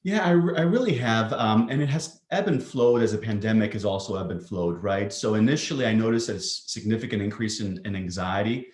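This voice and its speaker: Low-voiced man with roomy echo. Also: brisk, hardly any pauses. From Greece. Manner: thoughtful, with frequent ums and restarts. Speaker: psychiatrist guest. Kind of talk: conversational interview answers.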